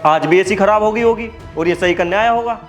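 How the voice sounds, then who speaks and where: A man's voice: sits high, fairly quick, soft background music, close to an everyday voice. A young man acting as a suspicious husband in a comic skit, accusing and melodramatic.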